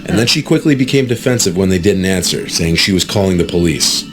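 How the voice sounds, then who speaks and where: A man narrating a scripted true-story video in a calm, measured way. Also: deep voice. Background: music.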